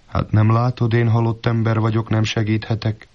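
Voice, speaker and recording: A foolish, stubborn old peasant from a spoken folk tale, put on by a male storyteller. He talks in a plaintive, simple-minded way, a touch higher than the teller's own low voice. The recording sounds dull and lo-fi. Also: monotone, lightly acted. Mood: fearful.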